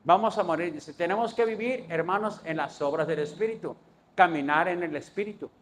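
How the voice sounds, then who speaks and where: Male pastor, high voice, fervent sermon with call-and-answer questions, faint hiss behind. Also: brisk. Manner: preaching with rhetorical questions, rising and falling emphasis.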